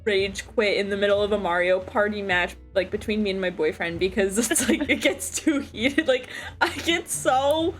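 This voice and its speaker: A woman's voice: mid-range voice, moderate pace, hardly any pauses, soft background music. A young woman hosting a casual podcast chat, giggling often between her words. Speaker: podcast host.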